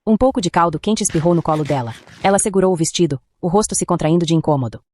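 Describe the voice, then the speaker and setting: A woman tells a first-person story in a low-pitched voice. She moves through it at a quick clip, steady and even. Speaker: story narrator.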